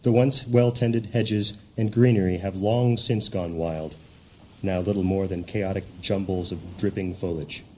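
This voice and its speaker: Low-voiced solemn male narrator. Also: steady tone, measured pace, mellow, a little hiss or hum. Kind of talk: scripted fantasy drama narration.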